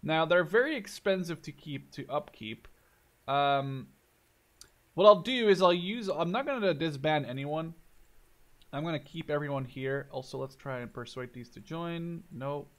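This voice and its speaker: A Canada-based Dutchman in his twenties hosts a gaming video, voicing casual commentary over gameplay from indoors. He thinks aloud in a loose, sweary way, his fairly high voice lively in intonation and a little slow.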